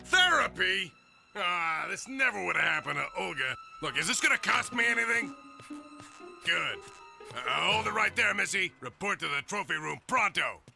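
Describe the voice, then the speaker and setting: Loud bossy cartoon dad, super gravelly, pitch bouncing all over. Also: male voice, sing-song, normal speed, music in the background, heavily acted. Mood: blustering. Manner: gruff, barking, bossy. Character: loud blustering middle-aged father.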